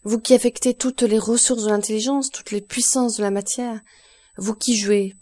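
Brief: woman reader doing a desperate young man, mid-range pitch, warm tone, audiobook. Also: steady tone, normal speed, lightly acted. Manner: passionate, pleading outbursts. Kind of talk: audiobook reading of a novel.

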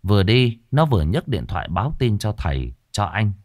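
A man tells a horror story in a low voice with lively, rising and falling intonation. His delivery is measured and dramatic, recorded close to the mic and dry, with no echo.

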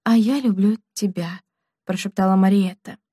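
Female narrator voicing a timid young heroine, soft breathy whispers, mellow tone. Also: medium pitch, normal speed, no echo, clean studio sound, lightly acted. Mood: tender.

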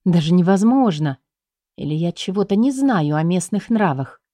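A woman calmly narrating a story in the first person. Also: on the low side, normal speed, no echo, clean studio sound. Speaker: audiobook narrator.

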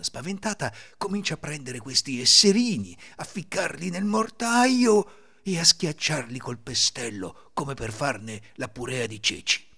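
A man hosting a podcast and narrating folk fairy tales in an expressive, lilting storytelling manner. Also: mid-range voice. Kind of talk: scripted fairy-tale narration.

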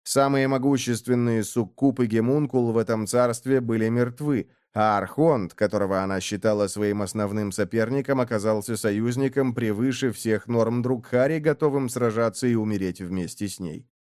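A male narrator reads a fantasy war audiobook in a steady, measured voice at a mid pitch. The recording is dry and close, with no room sound. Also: clear, resonant tone, no echo. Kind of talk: scripted narration.

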